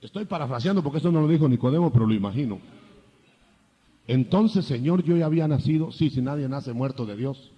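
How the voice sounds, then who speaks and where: An older man preaching a sermon, lively, acting out biblical dialogue in changing voices. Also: mid-range voice, brisk, breathy edge, long reverb tail, lo-fi sound.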